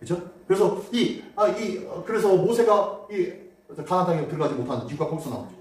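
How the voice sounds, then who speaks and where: A male pastor preaching a Sunday sermon, telling the story in a lively way and asking the congregation questions. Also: sits high, a little fast, far from the mic. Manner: animated storytelling, acts out quotes and asks the congregation questions. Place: church sanctuary. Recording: very echoey hall, voice from afar.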